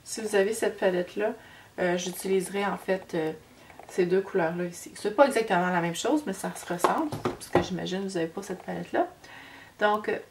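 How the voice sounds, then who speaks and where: Speaking fairly quickly at a medium pitch, this woman runs through a makeup tutorial despite a head cold. She's a beauty vlogger with a Québécois French accent, chatty but hesitant, stumbling over slips and fillers. Faint noise comes through a distant mic.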